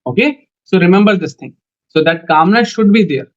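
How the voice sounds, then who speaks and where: A young man with an Indian English accent giving a coaching lecture, speaking in a calm, measured way and often repeating "okay" between points. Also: sits high. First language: Hindi. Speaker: teacher for defence exam interviews. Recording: dull lo-fi sound.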